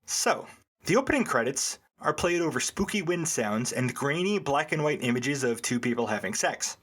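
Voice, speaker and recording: A man's voice: mid-range voice, sing-song, normal speed, fairly bright tone. A man co-hosting a film podcast, reading a written plot recap in a dry, wry way. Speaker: podcast co-host summarizing a film. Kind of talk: scripted plot recap in casual podcast talk.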